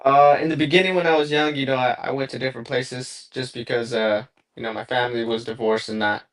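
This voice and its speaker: A man's voice: medium pitch, steady tone, fast talker, a bit bright. A young man from Southern California, a boxer answering interview questions in a laid-back, rambling way with lots of fillers over a remote call. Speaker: boxer guest. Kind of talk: casual interview.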